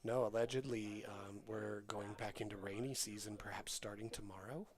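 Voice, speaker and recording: Low-voiced man commenting on a pool match. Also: fairly even intonation, normal speed, a crowd in the background. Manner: chatty, joking, greets chat viewers. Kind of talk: relaxed live match commentary.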